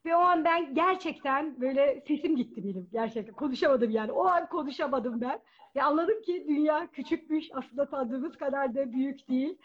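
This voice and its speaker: A woman telling a personal story at a live storytelling event, animated and acting out the voices of people she quotes. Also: high voice, a little fast. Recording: dull lo-fi event recording.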